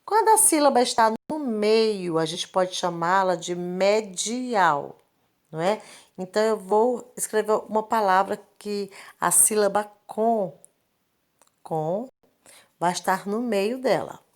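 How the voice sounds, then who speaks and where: A woman's voice: medium pitch, expressive, slow. A woman, teaching a recorded literacy lesson and patiently repeating each point. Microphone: screen recording, device mic.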